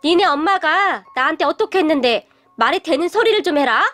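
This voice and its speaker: A woman's voice: very high-pitched, lively intonation, a little fast, a bit bright, soft background music. A woman voicing a haughty, wealthy middle-aged mother who sneers and scolds. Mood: scornful.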